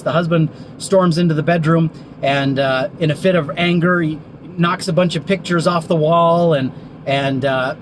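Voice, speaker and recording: A man's voice: on the high side, noisy background. Hesitant man telling a story. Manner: hesitant, many fillers and restarts. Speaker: marketing company owner giving advice. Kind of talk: unscripted storytelling to camera.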